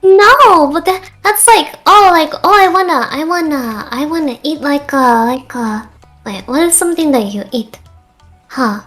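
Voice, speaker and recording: A woman's voice: high voice, expressive, measured pace, a bit bright, faint music behind. A young woman guest chatting playfully, giggling and exclaiming often. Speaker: guest streamer. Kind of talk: casual chat.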